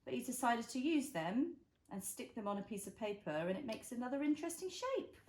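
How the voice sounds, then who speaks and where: A woman's voice: fairly high pitch, very animated, brisk, a little mellow. A woman reading a picture book aloud to a young child, adding chatty, encouraging asides and questions. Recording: roomy echo, clear background noise and clicks.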